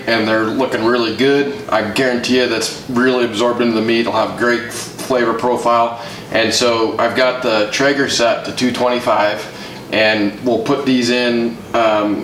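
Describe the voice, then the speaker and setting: A man hosting a cooking vlog, explaining each step of a grill cook in a relaxed, casual way. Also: medium pitch, recorded from a distance, a little hiss or hum. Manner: relaxed, explains steps as he goes. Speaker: grill cook and channel host. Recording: roomy sound with faint guitar music.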